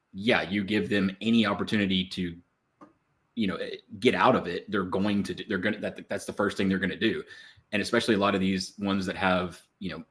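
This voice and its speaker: Deep-voiced man in rambling chat. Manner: rambling, hedging with many fillers. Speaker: panel co-host. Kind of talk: casual podcast discussion.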